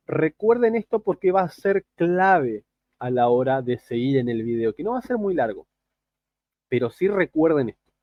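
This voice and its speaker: A man teaching in a chatty, questioning way. His voice sits a little high and swings widely in pitch. The recording is dry and somewhat dull. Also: no echo. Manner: lively, chatty explaining with many asides and questions. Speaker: video teacher. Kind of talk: informal screen-share lesson.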